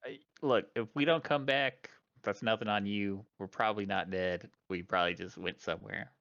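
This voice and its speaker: Male game player, sharp bright tone, casual role-play chat, muffled lo-fi capture. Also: lowish voice, steady tone, moderate pace, vocal fry. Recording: dull, lo-fi sound.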